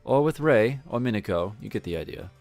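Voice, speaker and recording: A man's voice: fairly low pitch, expressive, fairly quick, darkish tone, no echo, soft background music. A man voicing a young female resort supervisor who explains duties in a matter-of-fact way. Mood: brisk.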